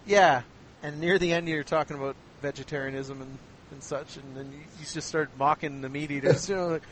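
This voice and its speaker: A man with a somewhat high voice talks casually and laughs often. He acts out what other people said when he quotes them. A faint hiss runs behind him. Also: fairly even intonation, brisk, fairly bright tone, low-quality recording. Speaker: conversation guest. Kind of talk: casual chat.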